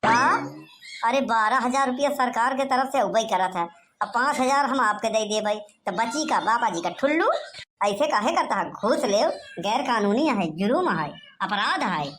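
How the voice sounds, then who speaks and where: A cunning, haggling villager who sells his vote and nags with endless "haan?" tags. He speaks in a rustic Awadhi accent at a fairly high pitch. Cartoon comedy voicing. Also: animated, normal speed, a little hiss or hum. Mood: pleading complaint. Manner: loud, bargaining, rustic chatter with tag questions. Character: sly haggling village man Banwari. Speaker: villager voter.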